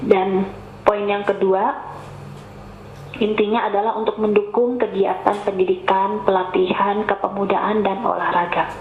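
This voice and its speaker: Over a remote call, a woman with a cough presents a webinar, patiently explaining and addressing her audience politely. Her voice is medium in pitch, and the online audio comes through tinny and echoey with slight background noise.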